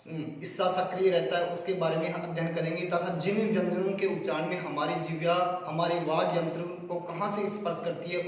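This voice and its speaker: A man with a fairly high voice teaches a classroom grammar lesson, going step by step and repeating each term. He sounds out the example sounds himself as he explains them. The recording is distant and washed in the long echo of a large room. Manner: methodical, repeats terms and demonstrates sounds aloud. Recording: echoey hall, recorded from far off.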